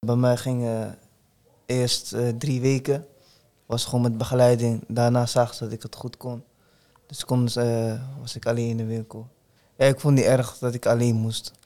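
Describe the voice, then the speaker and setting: Young man, mid voice, monotone, hesitant, searching for words. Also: medium pitch, moderate pace. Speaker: student. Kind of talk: casual chat.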